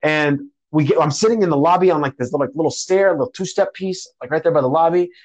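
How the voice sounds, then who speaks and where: A young man telling a story in a casual podcast chat, animated and slangy, calling people bro and dude. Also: on the high side, fast talker, low-quality recording.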